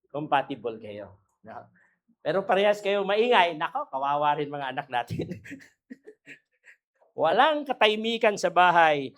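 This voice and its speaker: Animated Filipino pastor preaching. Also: male voice. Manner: lively preaching with wide swings in pitch and loudness, laughing at own jokes; mixes English Bible phrases into Tagalog preaching. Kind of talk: sermon.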